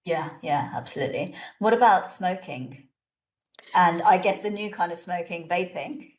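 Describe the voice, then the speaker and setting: A woman's voice: fairly low pitch, normal speed. A woman hosting a podcast interview, giving brief agreeing replies and casual questions. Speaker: podcast host.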